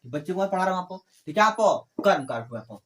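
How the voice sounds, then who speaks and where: A man's voice: high-pitched, animated. A man teaching a grammar lesson. He asks questions and answers them himself, repeats phrases, and keeps dropping in small fillers like "okay". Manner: fills pauses with "ठीक है" and "आपको".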